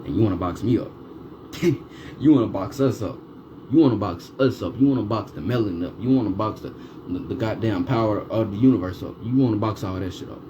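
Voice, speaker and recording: There's steady background noise as a vlogger with a lowish male voice rants at a brisk clip. His monologue is thick with swearing and repeated rhetorical questions.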